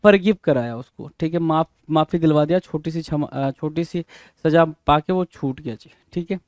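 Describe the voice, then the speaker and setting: Man, vocabulary teacher, spells words out, mellow, smooth, dry close sound. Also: on the high side, normal speed, dry recording. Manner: drills words by spelling them out letter by letter; keeps asking "bhai?" as a rhetorical prompt. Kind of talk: exam-prep vocabulary lesson.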